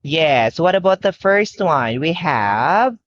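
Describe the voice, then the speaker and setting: A woman's voice: low-pitched, animated, slow pace. A woman teaching a one-on-one English lesson to a young child, encouraging and modelling simple phrases as if talking to a toddler. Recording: dull, noisy lo-fi class recording.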